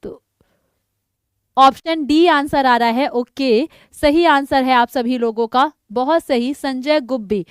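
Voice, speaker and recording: A woman's voice: sits high, slow, clean tone, dry recording, clean studio sound. A woman teaching a live exam-prep class, chatty and joking, drilling answers by repeating them and reading out student names. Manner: chatty, jokes about names.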